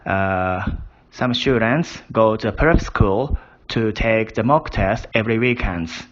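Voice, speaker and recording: With a voice on the low side, a tipsy Japanese-accented language learner rambles through a casual voice diary. He's playful and chuckling, speaking slowly and deliberately, captured on a dull lo-fi recording.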